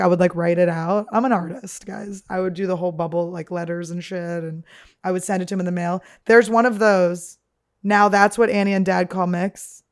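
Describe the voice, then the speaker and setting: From a studio, a woman hosts a comedy podcast in a deep voice that sounds damaged. She rambles on without pause through crude stories that poke fun at herself.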